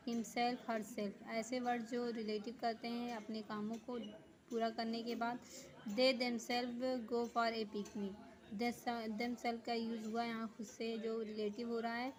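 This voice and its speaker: A woman teacher giving a grammar lesson, reading definitions slowly word by word, then explaining them quickly. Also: fairly high pitch, level tone, poor audio. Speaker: school teacher.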